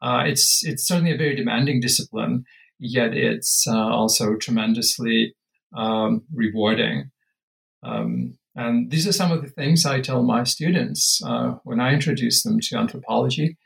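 A man's voice: mid-range voice, normal speed, gravelly, a bit bright, low-quality recording. A man in his fifties, born in Lithuania, speaking as an anthropology professor in an interview, thoughtful and full of hesitations. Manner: thoughtful, many hesitations and fillers. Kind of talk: academic interview.

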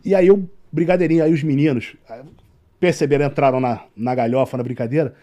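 A man's voice: mid-range voice, steady tone, a little fast, warm tone. A man with a Brazilian Portuguese accent, a tour guide guest telling a story in casual chat and acting out the dialogue.

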